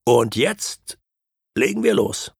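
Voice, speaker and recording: A man's voice: medium pitch, sing-song, slow, breathy edge, no room sound, studio quality, heavily acted. A man voicing a cocky, joking young whaler in an audiobook, lifting his voice for the part. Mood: brash. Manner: lighter, raised voice for quoted lines.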